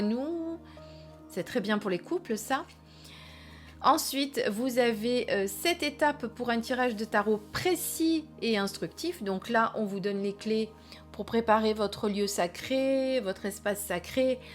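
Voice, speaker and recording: A woman chatting casually as she reviews a small tarot deck, reading bits aloud and joking now and then. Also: a little high. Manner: chatty, playful, reads aloud from the box.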